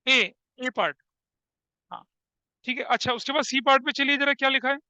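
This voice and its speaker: A man's voice: very high-pitched, steady tone, a little fast, bright, forceful tone, clear, resonant tone, no room sound, low-quality recording. A man in his forties teaching an accountancy class. He keeps questioning his students, repeats his points, and calls them "beta". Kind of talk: classroom lecture mixing Hindi and English.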